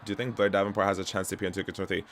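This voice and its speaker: A man from Canada chatting casually and gossipily while streaming a wrestling video game at home, with sudden loud yelps. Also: deep voice, little pitch movement, rapid-fire. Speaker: gaming streamer. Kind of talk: casual commentary while playing.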